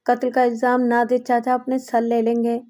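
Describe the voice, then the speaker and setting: A woman's voice: a little high, completely flat delivery, mellow, lightly acted. A woman voicing a hot-tempered, tormented young man in an audiobook, reading his lines with impassioned pleading. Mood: desperate.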